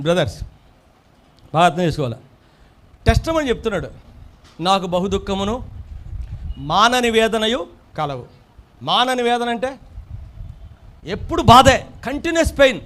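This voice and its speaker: A man preaching a sermon to a congregation, rising into loud emphatic swells and repeating key phrases. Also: very high voice. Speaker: pastor.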